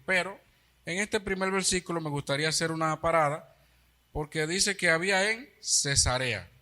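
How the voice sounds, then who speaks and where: A man's voice: mid-range voice, pushed and bright. A man, a pastor working through a Bible passage in a sermon, explaining it and asking rhetorical questions. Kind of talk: expository Bible-study sermon. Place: church.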